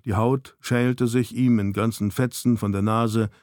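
A man reads a novel aloud at an even, measured pace, his voice sitting at an ordinary middle pitch. The sound is dry and close, with no room around it. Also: dry recording. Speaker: narrator. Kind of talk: audiobook reading of a novel.

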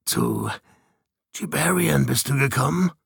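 A croaking, jittery little man, pushed well above the reader's own pitch and sounding strangely off-timbre, as a male narrator puts him on. He stammers out his words, caught between fear and scornful disgust, in a dry audiobook reading. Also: huge pitch swings, measured pace, no echo, exaggerated voice. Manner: fearful, contemptuous. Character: small gaunt frightened man, hostile and unhinged.

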